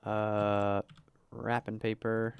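A man livestreams a cooking game, chatting casually while narrating his moves and reading chat aloud. His lowish voice has little pitch movement, vocal fry, and a clean tone, and he speaks very slowly.

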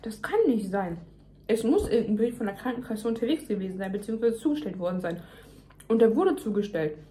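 A woman's voice: medium pitch, lively intonation, a little fast, mellow, a little hiss or hum. A young woman venting emphatically in casual chat to her viewers, talking while chewing. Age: young adult. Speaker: vlogger. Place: home kitchen, indoors.

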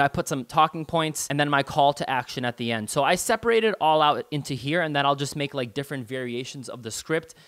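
A man narrates a screen-recorded tutorial in a relaxed, conversational way. His voice sits at an ordinary middle pitch. He uses easy slang and drops casual swear words as he explains each step. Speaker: online marketing tutor.

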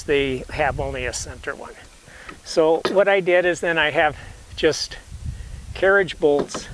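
An older man in his sixties talks through a hands-on demonstration in a loose, folksy way, often restarting and correcting himself. His voice sits a little high. He is outdoors on a lawn, picked up by a camera mic that is sometimes a few steps away. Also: slight background noise, low-quality recording. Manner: rambling, self-correcting, folksy. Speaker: canoe builder showing his rig. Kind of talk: casual how-to demonstration. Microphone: camera mic, sometimes far from camera.

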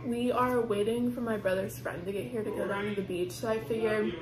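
A woman's voice: on the high side, fairly even intonation, a little fast, a crowd in the background. A young woman, chatting casually to camera in a vlog, upbeat and full of "like". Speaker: vlogger.

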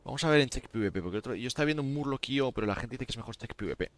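A man's voice: mid-range voice, animated, very fast, no echo. A young man from Spain with a Spanish accent, streaming games live and chatting casually with viewers, sounding tired. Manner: chatty, addresses viewers as tío and gente. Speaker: game streamer.

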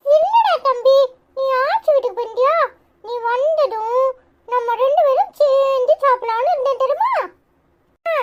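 A woman voicing a sulky, tearful little boy in a Tirunelveli Tamil accent for a cartoon. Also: highs cut off. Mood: cheerful. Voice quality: very high, childlike. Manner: whiny pleading, near tears. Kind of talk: cartoon comedy voice acting.

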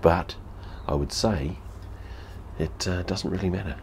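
In a relaxed home vlog, a New Zealand man in his fifties reviews beer in front of his TV, cursing bluntly and saying things twice. He speaks a little slowly in a low, slightly mellow voice with vocal fry, against slight background noise.

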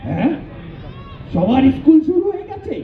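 A man voicing a friendly, chatty animal puppet with a squeaky voice for a children's show. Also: sing-song, moderate pace, some chatter behind, slight background noise. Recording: echoey, distant, tinny phone-like sound.

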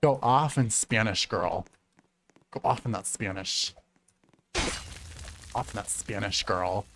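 A man's voice: takes it slowly, noisy background. A man in his late thirties streaming a game, sassy and dramatic, calling everyone girl. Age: late 30s. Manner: swings between low mutters and high squeals. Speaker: gaming streamer. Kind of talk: casual game commentary.

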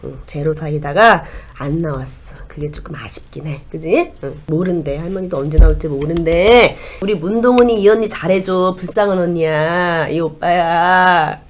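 A woman's voice: deep voice, normal speed, hardly any pauses, a little hiss or hum. A woman doing a comic fortune-telling shaman, chatty and sing-song, now and then dropping to a whisper. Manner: chatty, sing-song, drops to whispers when relaying spirit messages. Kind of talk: comic shaman role-play.

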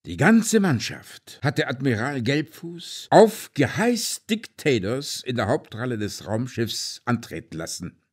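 A man's voice: medium pitch, very animated, a little slow, hardly any pauses, breathy edge. A man narrating an audiobook in a dramatic storytelling manner with varied emphasis. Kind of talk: scripted narration.

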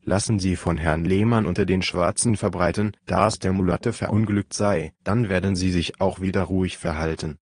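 A man reading a calm, decisive adventurer leader. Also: low voice, husky, dry recording, clean studio sound. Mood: firm. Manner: firm, measured, commanding. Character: calm, decisive male adventurer leading the search. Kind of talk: audiobook reading.

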